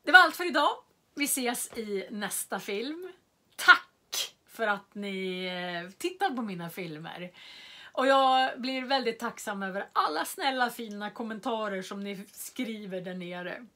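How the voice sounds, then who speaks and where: A woman teaching a language lesson in a careful, clear voice at a mid pitch. She sounds out each word slowly and repeats it so learners can follow. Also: expressive, bright, forceful tone. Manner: spells out words slowly and repeats them for learners.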